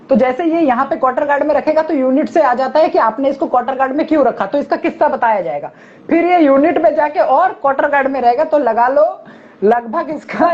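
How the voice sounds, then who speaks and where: A man with a high voice hosts a casual chat. He tells an anecdote with energy and acts out each quote. The sound is dull and lo-fi. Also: a little mellow. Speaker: host.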